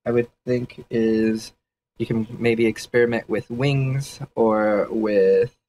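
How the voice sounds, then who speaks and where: A man's voice: on the low side, steady tone, slow pace, mellow, slight background noise, poor audio. Man thinking aloud while sketching. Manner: rambling, hedging with "kind of" and "um". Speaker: 3D artist streaming a sketch session. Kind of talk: casual livestream thinking aloud.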